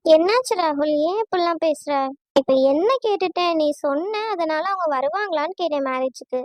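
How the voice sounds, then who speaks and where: A woman's voice: extremely high pitch, moderate pace, no echo, studio quality. A woman voicing an anxious young bride in a cartoon, pleading and apologetic.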